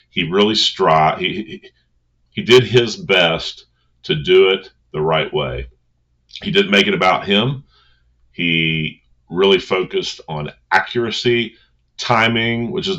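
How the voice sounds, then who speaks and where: Guy coach doing a casual pep talk, really deep but bright punchy voice, kinda muffled lo-fi audio. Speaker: motivational coach. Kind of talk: informal motivational talk.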